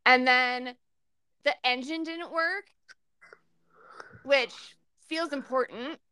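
A woman co-hosting a podcast, telling an animated story in casual chat and acting out the people she quotes. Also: high-pitched, slow pace, clean tone, dry recording. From Minnesota. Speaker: podcast co-host.

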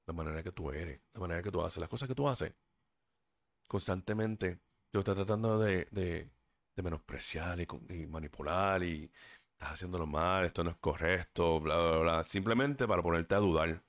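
Speaking at a moderate pace in a low-pitched voice, a man hosts a casual podcast by himself into a desk mic. His tone is earnest and preachy, and he occasionally stumbles on words and lapses into English fillers.

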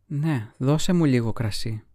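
A man voicing a languid, secretive young noblewoman in a storybook reading, with soft, sighing delivery. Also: medium pitch, no room sound, studio quality, natural voice. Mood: weary.

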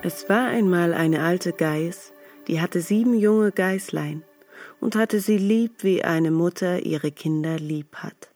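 A woman reading a fairy tale aloud as a storyteller, in a calm, clear way. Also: on the low side, slow pace, faint music behind.

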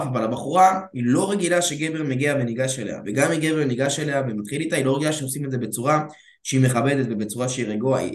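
A man talking as a dating coach in casual chat, calling his listener bro and acting out bits of dialogue. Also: mid-range voice. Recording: roomy echo.

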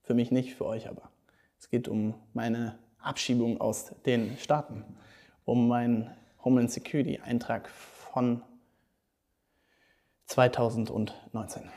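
A young man hosting a podcast, telling stories in a casual, slangy, animated way. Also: mid-range voice, a little slow. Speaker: podcast host. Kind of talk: casual storytelling chat.

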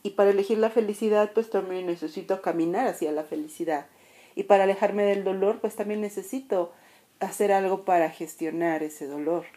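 A woman's voice: medium pitch, fairly quick, mellow. A woman giving a spiritual motivational talk. She speaks earnestly and directly to the listener, with restarts and repeated words, and acts out everyday voices in her examples.

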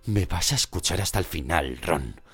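A man's voice: low voice, expressive, moderate pace, a bit bright, slightly rough, full character voice. A man voicing a middle-aged wizard teacher who pleads in a raised voice and explains patiently. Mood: calm.

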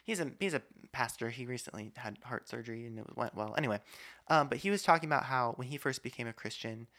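A man's voice: mid-range voice, fast talker, bright, forceful tone. A man hosting a casual podcast conversation, talkative and argumentative, with many asides. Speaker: podcast host.

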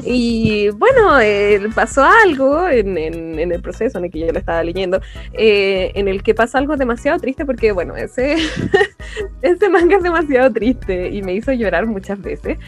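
Animated high-voiced Chilean woman. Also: moderate pace, faint music behind. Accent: Chilean Spanish. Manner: animated storyteller, laughs often, acts out quotes. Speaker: podcast co-host. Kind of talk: casual chat.

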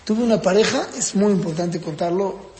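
A man teaching a parenting course in a casual, lively lecture style. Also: moderate pace, reverberant, long reverb tail, a little hiss or hum. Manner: lively, jumps up and down in pitch acting out parents and kids.

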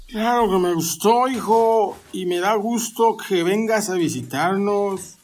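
A man's voice: high voice, a little mellow. An actor playing a drunken, proud, scolding middle-aged father in a radio drama. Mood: slurring warm. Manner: slow, blustering, scolding.

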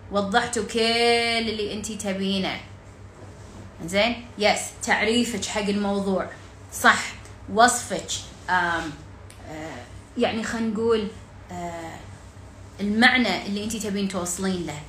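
A woman's voice: medium pitch, moderate pace, fairly bright tone, echoey room, slight background noise. A woman with a Gulf Arabic accent leading an interactive coaching workshop, firing rhetorical questions at her listeners and dropping English words into her talk.

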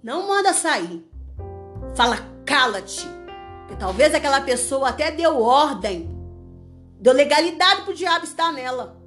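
A woman's voice: high-pitched, big pitch swings, normal speed, fairly bright tone, faint music behind. A woman preacher giving a fervent sermon, repeating phrases and rising to emphatic commands.

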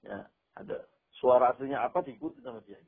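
Gravelly man teaching over a tinny call. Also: mid-range voice, brisk. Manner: animated, explains with spoken examples and repetition. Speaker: Islamic preacher and teacher. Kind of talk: casual Quran commentary lesson on an online call. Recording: tinny phone-line call audio.

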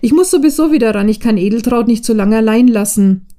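A woman reading the part of a kindly middle-aged aunt who runs a café, in a mellow, slightly high voice. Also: fast talker, lightly acted. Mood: reassuring.

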